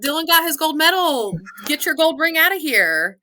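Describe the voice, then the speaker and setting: A woman's voice: high voice, very animated, moderate pace, sharp tone. A woman co-hosting a podcast, ranting with emphasis in a casual chat. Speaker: podcast co-host.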